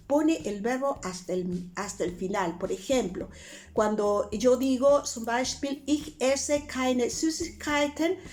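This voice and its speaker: A woman's voice: mid-range voice, darkish tone. A woman language teacher, explaining grammar patiently through many examples in a casual video lesson.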